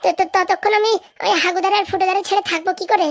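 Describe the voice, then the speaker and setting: A woman's voice: very high voice, fairly even intonation, very fast, voice pushed up. A woman voicing an anxious, whiny village man in a cartoon who stammers when worried. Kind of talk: cartoon voice acting.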